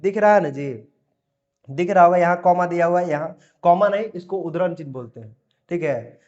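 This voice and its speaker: Male teacher, high voice, patient repetitive explaining, muffled lo-fi recording. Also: a little mellow. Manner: repeats phrases, reads examples slowly word by word. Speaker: Hindi grammar teacher. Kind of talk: classroom lesson explanation.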